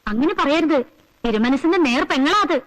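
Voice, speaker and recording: A woman's voice: high voice, expressive, moderate pace, slight background noise, rough recording. A woman playing a haughty, impatient young noblewoman in a film comedy, curt and indignant.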